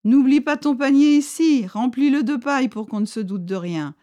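A woman's voice: sits high, moderate pace, dark tone, voice pushed up, lightly acted. A woman voicing an armed rebel leader, a man who is stern yet friendly and speaks firmly in a raised voice. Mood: commanding. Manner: firm, commanding, raised voice.

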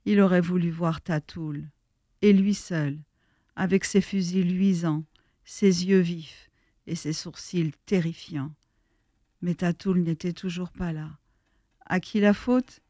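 Casting: a woman narrator, slow and mellow, solemn storybook reading. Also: fairly low pitch, steady tone, no room sound, clean studio sound.

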